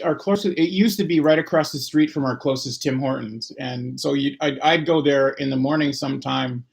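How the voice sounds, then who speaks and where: Brief: man co-host, gravelly voice, rambling, loose casual chat. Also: medium pitch. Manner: rambling, restarts phrases.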